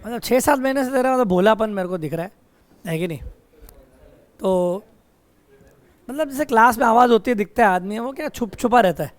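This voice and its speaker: High-voiced teacher teasing his class. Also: lively intonation, a little fast, long pauses. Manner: teasing, scolding students between explanations. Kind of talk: classroom lecture with banter. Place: classroom with students. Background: students' chatter.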